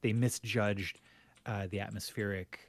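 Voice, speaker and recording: Rambling podcast co-host, lowish voice. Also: male voice, fairly even intonation, a little slow, a little hiss or hum. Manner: rambling with many restarts and laughs. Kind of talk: casual chat.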